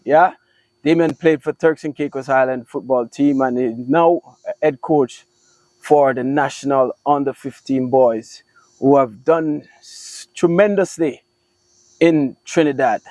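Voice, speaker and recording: A man's voice: medium pitch, a little slow, darkish tone, no echo, rough recording. A man hosting a podcast, asking his guest questions in a casual, encouraging way that often trips over his words. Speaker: podcast host. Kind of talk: casual interview chat.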